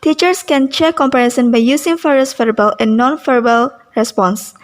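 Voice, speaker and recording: Young woman, Indonesian accent, high voice, steady scripted reading, student presenter. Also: normal speed. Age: young adult.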